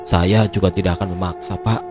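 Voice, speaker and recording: A man voicing a gentle, modest older becak driver with a Javanese accent, speaking softly. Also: low-pitched, steady tone, brisk, natural voice. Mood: humble. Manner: soft-spoken, modest. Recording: music playing behind.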